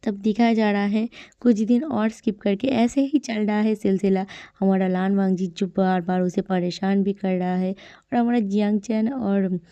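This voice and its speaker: A woman's voice: medium pitch, steady tone, moderate pace, mellow, clean tone, dry recording. A woman casually retelling the story of a romance drama, chatty, with frequent fillers and tag questions. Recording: dull, dry lo-fi recording.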